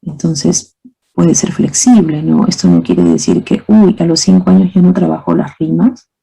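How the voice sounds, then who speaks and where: A woman gives a methodology lecture for teachers, explaining calmly, posing rhetorical questions and often checking in with "¿ok?" and "¿no?". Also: sits low, normal speed, gravelly, breathy edge, rough recording. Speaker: teacher trainer.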